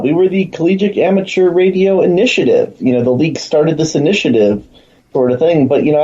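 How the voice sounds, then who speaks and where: Over lo-fi call audio, a guest with a fairly high, mellow voice talks casually and promotionally about a program he helps organize and run.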